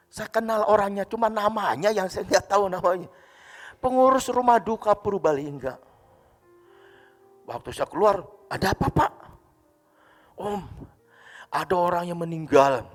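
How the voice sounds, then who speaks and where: A man's voice: high-pitched, lively intonation, normal speed, pauses often. Preaching man in an echoing church. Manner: storytelling, acting out dialogue with sudden loud bursts. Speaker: pastor. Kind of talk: sermon.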